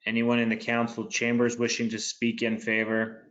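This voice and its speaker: A man chairing a municipal council meeting in a flat, monotone way, reading items and calling votes. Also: medium pitch, moderate pace, muffled recording. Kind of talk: formal meeting procedure.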